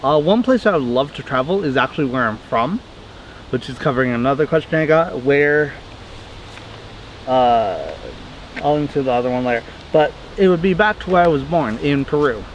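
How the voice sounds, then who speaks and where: The recording is low quality with slight background noise, capturing a man in his twenties in a wooded yard as he casually answers viewer questions for a Q&A vlog. He rambles and corrects himself, speaking at normal speed in an expressive, mid-range voice.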